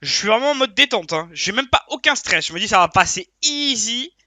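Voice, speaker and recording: A man's voice: high-pitched, lively intonation, a little fast, sharp tone, slight background noise. A man giving a casual video debrief as a sports betting tipster, rambling and hesitant, full of fillers, frustrated and questioning himself.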